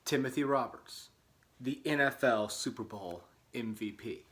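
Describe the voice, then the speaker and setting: With a medium-pitched, somewhat bright voice and a measured pace, a man reads a storybook to his audience dramatically. Every so often he stops for a tongue-in-cheek, casual remark.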